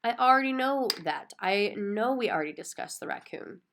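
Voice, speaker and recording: A woman voicing an excitable, bossy little girl who talks eagerly and repeats herself. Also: on the high side, normal speed, slight background noise, voice pushed up. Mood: excited.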